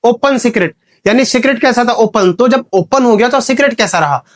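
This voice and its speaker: A man teaching English grammar in an exam-prep lesson. He asks the students questions and answers them himself, and he reads the examples slowly while sounding out the letters. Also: extremely high pitch, lively intonation. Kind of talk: exam-prep classroom lecture.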